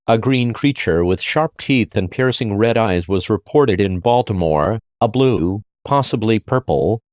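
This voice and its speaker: A man reading a scripted emergency broadcast in a flat, formal, steady announcer's manner. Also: fairly low pitch, dry recording, studio quality.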